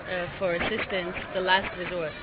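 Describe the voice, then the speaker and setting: A woman reporter interviewing a demonstrator outdoors, asking brief questions and giving soft acknowledgements. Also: on the low side, little pitch movement, moderate pace, a loud crowd. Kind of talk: street interview. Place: outdoors on a city street. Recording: dull lo-fi recording with loud street noise.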